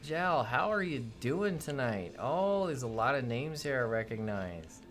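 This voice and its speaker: A man's voice: medium pitch, lively intonation, a little slow, fairly bright tone. Upbeat man greeting his stream chat. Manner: upbeat, greets chat by name, stumbles on names. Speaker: streamer co-host. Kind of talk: casual livestream chat.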